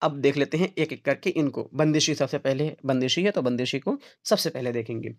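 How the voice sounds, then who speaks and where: A man's voice: medium pitch, a little fast. A young male teacher giving an exam-prep lecture, explaining step by step and checking in with his students as he goes. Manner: explains step by step, keeps checking in with "theek hai".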